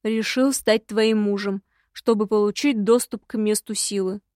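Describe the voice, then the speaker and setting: A woman's voice: mid-range voice, fairly even intonation, unhurried, darkish tone, no room sound, clean studio sound, lightly acted. Woman doing a grumbling eared imp. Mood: glum.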